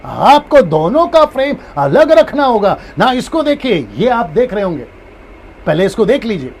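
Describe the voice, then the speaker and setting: A man's voice: very high-pitched, very animated, normal speed, a little hiss or hum. A man preaching as a pastor in a live-streamed Bible teaching, who repeats his key points and acts out different tones of a phrase.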